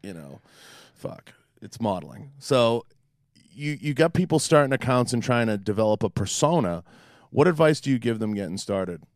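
A man's voice: medium pitch, animated, normal speed, no room sound, studio quality. A man with a Boston accent talking casually and candidly as an interviewer, in a wordy, emphatic way. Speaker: podcast interviewer. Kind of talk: casual interview chat with swearing.

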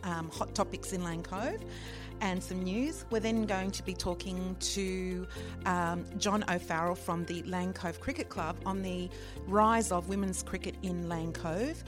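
Aussie woman cohosting a local podcast, lowish voice, chatty and upbeat, faint music under it. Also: a little slow. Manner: chatty, upbeat gossip about local news. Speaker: local news podcast co-host. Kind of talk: casual chat.

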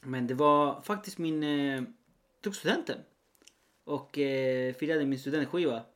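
A young man from Chile co-hosting a casual podcast chat, telling stories with lots of laughter and acted-out quotes. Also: mid-range voice. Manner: laughs often, animated storytelling with acted-out quotes. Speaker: podcast co-host.

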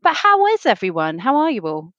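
Animated, higher-voiced woman hosting. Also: brisk, no room sound, dull audio. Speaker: podcast host. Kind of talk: casual interview chat.

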